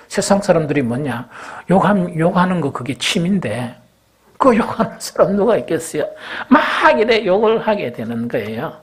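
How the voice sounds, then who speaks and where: Husky pastor preaching animatedly. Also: male voice. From South Korea. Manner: asks the congregation rhetorical questions and answers them himself; swings between raised, emphatic phrases and low, dropped endings. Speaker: senior pastor. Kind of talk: sermon.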